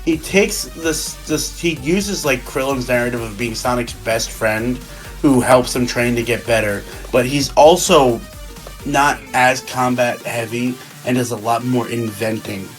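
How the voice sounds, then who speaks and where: A man's voice: mid-range voice, low-quality recording. Drunk man rambling over music. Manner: rambling, halting, repeats and restarts phrases. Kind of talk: casual rambling fan discussion.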